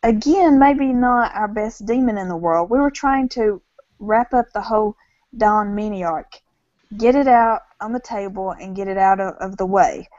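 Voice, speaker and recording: A woman's voice: medium pitch, moderate pace, a little mellow, dry recording. A woman co-hosting a casual fan discussion podcast, reading quotes and asking questions. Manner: reads quotes, asks questions, laughs often. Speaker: podcast co-host. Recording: dull lo-fi podcast audio.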